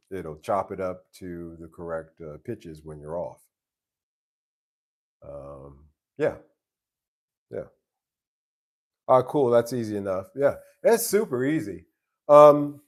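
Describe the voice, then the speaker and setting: A low-voiced man hosts a casual live stream from his home base abroad, answering the chat. He's easygoing and rambling, restarting often.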